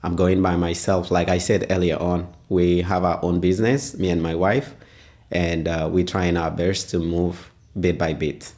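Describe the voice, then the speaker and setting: A man, answering interview questions as a father, pausing often and searching for words. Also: deep voice, level tone, darkish tone. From Ghana. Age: 20s. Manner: hesitant, pauses often with "uh".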